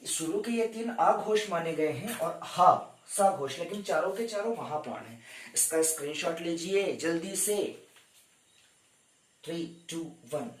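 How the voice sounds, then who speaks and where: A man's voice: fairly high pitch, lively intonation, normal speed, echoey room, far from the mic. A man teaching an exam-prep grammar lecture, addressing his students respectfully as he explains step by step. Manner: addresses students as "sarkar", counts down for screenshots.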